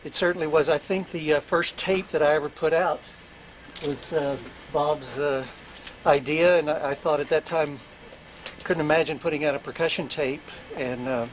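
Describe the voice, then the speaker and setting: A man's voice: on the high side, fairly even intonation, normal speed, a little hiss or hum, low-quality recording. A man, a percussionist, casually reminiscing in a short tribute with fillers.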